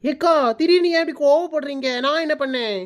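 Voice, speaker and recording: A woman's voice: high-pitched, a little fast, close to an everyday voice. Woman voicing a stubborn whiny village daughter. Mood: pleading. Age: 20s. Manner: whiny, pleading. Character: stubborn 29-year-old village daughter avoiding marriage. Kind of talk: cartoon voice-over.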